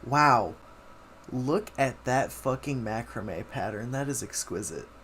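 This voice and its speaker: A man with a mid-pitched voice streams his reactions at a slow, drawn-out pace. He is exasperated and sardonic, swears freely and piles on hyperbole. There is some noise behind him. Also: expressive. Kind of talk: casual reaction commentary.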